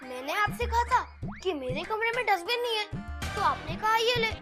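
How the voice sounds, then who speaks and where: A woman voicing a very high-voiced young boy. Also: sing-song, moderate pace. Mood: matter-of-fact. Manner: matter-of-fact. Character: young boy, earnest grandson. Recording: TV serial with loud music.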